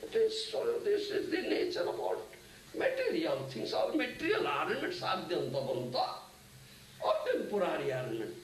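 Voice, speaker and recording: A man's voice: sits high, huge pitch swings, moderate pace, a little hiss or hum. A man giving a sermon as a spiritual teacher, often asking his listeners "huh? isn't it?". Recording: echoey room, mic at a distance.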